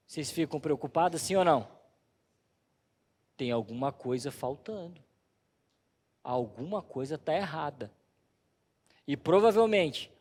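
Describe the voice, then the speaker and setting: High-voiced emphatic male pastor. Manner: storytelling, emphatic. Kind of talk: sermon. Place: church. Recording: reverberant church hall.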